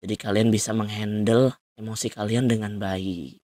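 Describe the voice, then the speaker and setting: A man's voice: fairly low pitch, fairly even intonation, normal speed, darkish tone, no room sound, studio quality. A young man hosting a solo podcast, talking loosely and rambling with frequent fillers and laughs. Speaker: podcast host. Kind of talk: solo casual podcast monologue.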